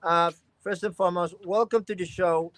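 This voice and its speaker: High-voiced man hosting a livestream. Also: steady tone, moderate pace, fairly bright tone, no echo. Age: 50s. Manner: filler-heavy, calls the guest "love". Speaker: livestream host. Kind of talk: casual interview hosting.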